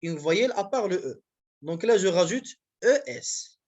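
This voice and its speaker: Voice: mid-range voice, lively intonation, measured pace, darkish tone, dull audio. A university language teacher, giving a grammar lesson in a patient, repetitive way and often checking that the class follows. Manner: patient, repetitive explaining with frequent check-ins.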